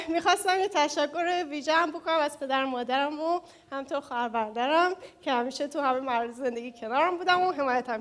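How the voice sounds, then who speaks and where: Bride at a reception: high, rapid, laughing, mixing English and Farsi. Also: female voice, a bit bright. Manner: quick, laughing, switches between English and Farsi. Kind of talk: wedding thank-you speech. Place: wedding reception hall.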